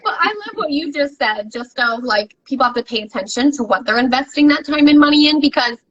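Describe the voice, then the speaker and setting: A woman guest speaks on a podcast in a fairly high voice, with an energetic, emphatic, motivational delivery. She sounds like a coach pressing her points home. The recording is dull and lo-fi. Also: fairly quick, slight background noise. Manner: energetic and emphatic, with repetitions and restarts. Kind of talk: motivational casual conversation.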